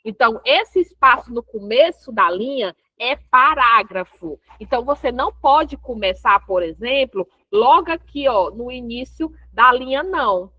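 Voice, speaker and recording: A woman's voice: on the high side, lively intonation, a little slow, few pauses, no echo. A woman teaching essay writing with a Brazilian Portuguese accent in an online class, explaining step by step and answering her own questions. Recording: dull, dry lo-fi audio.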